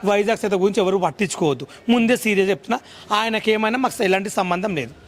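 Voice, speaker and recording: A man talks bluntly and emphatically in a high voice. He speaks quickly and puts hard stress on his points. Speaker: interviewee.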